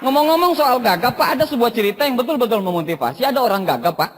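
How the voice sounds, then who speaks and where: A man with a notably high-pitched voice tells funny motivational stories to his listeners. He keeps turning to them with "Pak" as he talks. His voice carries a long, trailing hall reverb. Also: lively intonation, quick pace. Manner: addresses listeners with "Pak" constantly. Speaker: motivational speaker. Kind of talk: humorous motivational storytelling.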